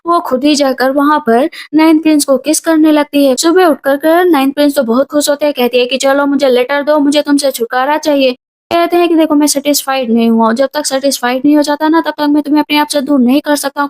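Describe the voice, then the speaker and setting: A woman's voice: high-pitched, a little mellow. A woman narrating a drama recap in a casual, running storytelling way. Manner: retells scenes in a running, conversational way.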